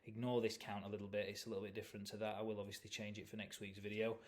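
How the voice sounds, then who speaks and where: A man's voice: lowish voice, flat delivery, very fast. A man giving casual, rambling chart analysis, leaning on "obviously" and correcting himself as he goes. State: yawning, tired. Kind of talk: casual market analysis video.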